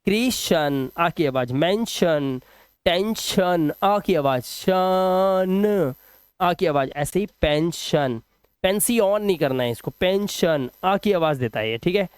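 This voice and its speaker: A man teaching English phonics rules in a video lesson, patiently repeating example words slowly and quizzing the viewer. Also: fairly high pitch, lively intonation, clean tone, no room sound.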